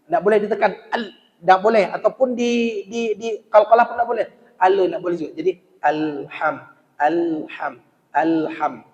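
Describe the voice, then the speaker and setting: A man teaching Quran recitation in a mosque, correcting pronunciation and repeating syllables slowly. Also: high-pitched, darkish tone. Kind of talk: tajweed lesson with recited examples. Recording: echoey, dull hall recording.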